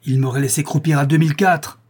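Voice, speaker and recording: A man's voice: a little high, steady tone, fast talker, husky, voice pushed up. A man reading aloud, voicing a terrified, cornered older murderer who stammers and cries out. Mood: panicked. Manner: stammering, shouting in panic.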